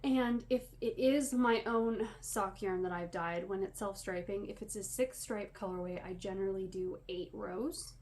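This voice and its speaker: A woman's voice: mid-range voice, moderate pace, hardly any pauses, a little mellow. A woman chatting casually as a podcast host, slightly wheezy and short of breath, with rambling, self-deprecating asides. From Canada. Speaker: podcast host and yarn dyer. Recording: clear background room noise.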